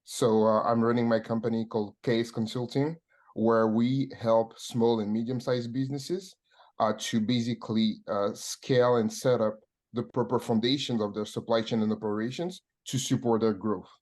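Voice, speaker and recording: A man with a French accent, a supply chain consultant speaking as a webinar guest, measured and halting with many fillers. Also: medium pitch, fairly even intonation, darkish tone. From France.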